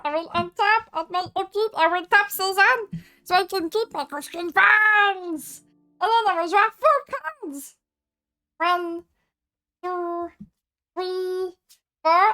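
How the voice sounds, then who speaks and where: A player putting on a squeaky goblin voice while taking a turn in a card game, giggly and sing-song. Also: a little slow, bright, forceful tone, exaggerated voice. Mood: goofy. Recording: faint background music.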